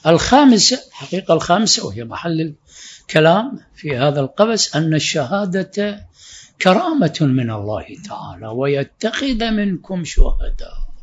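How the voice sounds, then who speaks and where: A man's voice: fairly high pitch, very animated, fairly quick, a little hiss or hum. A man giving a religious lecture, explaining verses point by point and rising for emphasis. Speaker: preacher. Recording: dull lo-fi recording.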